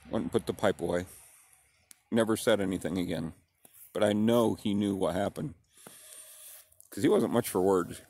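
Low-pitched man in his fifties, pipe clenched in his mouth, unhurried plain storyteller. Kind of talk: casual personal storytelling.

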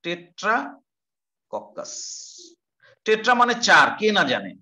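A male teacher lectures an online class in a high, bright voice. He talks quickly, with a forceful edge. He explains step by step, repeats key terms and poses questions to his students. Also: animated.

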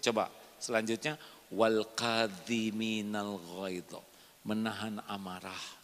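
An Indonesian man preaching a sermon to a live congregation, quizzing the listeners and swinging between soft explanation and loud emphatic points. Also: lowish voice, in a large hall.

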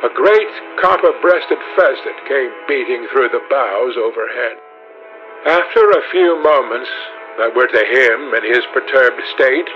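Man narrating a classic novel, lo-fi. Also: medium pitch. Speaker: audiobook narrator.

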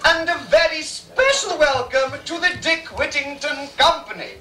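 Playing a larger-than-life, bawdy pantomime hostess for a cabaret spoof, the emcee welcomes the audience and introduces the cast with arch, saucy, stretched-out delivery. The pitch is high and the tone bright and forceful. A faraway camera mic picks it up in a theatre bar, where echo, noise, and a rowdy crowd fill the recording.

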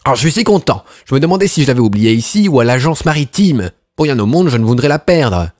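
An eager, lanky young country doctor from a classic detective audiobook, put on by a man reading it. He gushes in a raised, lively voice full of rises and falls, all polite enthusiasm. The sound is dry and close, with no room around it. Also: medium pitch, moderate pace, no room sound, pitched above the performer's own voice. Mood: delighted. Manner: gushing and excitable, formally polite.

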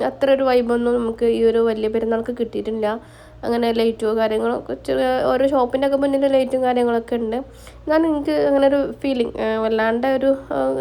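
A woman narrates a casual vlog. Her voice sits a little high. She talks in Malayalam and drops English words into it as she goes. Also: gravelly, darkish tone. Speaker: vlogger.

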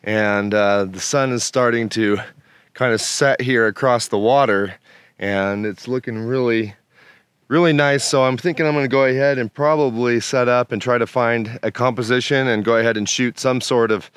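A man in his thirties chatting casually outdoors by a lake, relaxed and rambling with plenty of fillers, recorded on a camera mic. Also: mid-range voice, clean tone, dry recording, studio quality. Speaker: outdoor photography vlogger. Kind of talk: casual on-location vlog talk.

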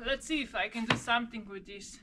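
Heavy background noise surrounds this native Slovene speaker, a Slovenian vlogger talking herself through home projects in relaxed English. She speaks briskly in a slightly high voice, chatty and full of exclamations.

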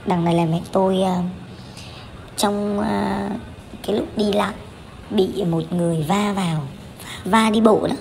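A thirtysomething woman narrates a family vlog in a candid, chatty manner, frequently using fillers and restarting or correcting herself. Her mid-range voice is steady, gravelly and darkish, a little slow with frequent pauses, against slight background noise.

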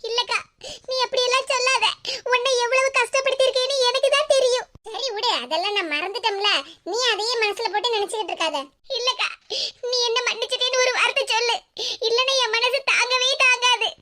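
A woman voicing a shrill, bright cartoon village girl. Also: fairly even intonation, a little fast, a little hiss or hum. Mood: pleading. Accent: Kanyakumari Tamil. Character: young village woman, tearful and affectionate sister. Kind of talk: animated cartoon dialogue.

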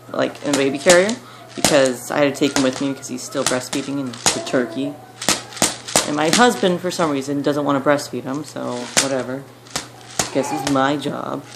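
A young woman with a low voice tells a story straight to her camera at home, rambling and packing her talk with fillers. The recording is noisy, with clicks and hiss underneath. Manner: rambling, filler-heavy, animated retelling. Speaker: vlogger. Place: at home, child nearby.

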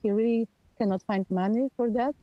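A Polish film director in her forties, speaking with a Polish accent, is interviewed remotely over a video call while outdoors on a hillside, using an earphone mic. Her fairly high voice is halting, with frequent pauses and many fillers as she searches for words. The audio has no room sound and the highs are cut off.

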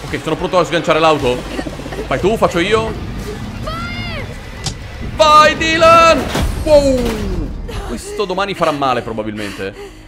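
A man giving excitable, joking commentary while playing a horror video game. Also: fairly high pitch, a little fast. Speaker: gaming video host. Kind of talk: let's play commentary. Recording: voice over loud game music.

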